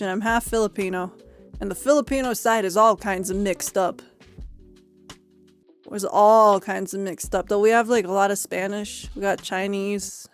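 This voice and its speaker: A young woman with a slightly high voice chats with her stream audience, laughing often and looping back over her own sentences. Faint music plays under her talk. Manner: giggly, rambling, animated, repeats herself. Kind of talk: casual chat with viewers.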